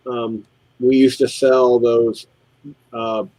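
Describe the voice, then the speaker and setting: Working on models, this middle-aged co-host from the United States spins shop stories in relaxed conversation, imitating customers with animation. He talks slowly in a mid-range voice, with no room sound and poor audio quality.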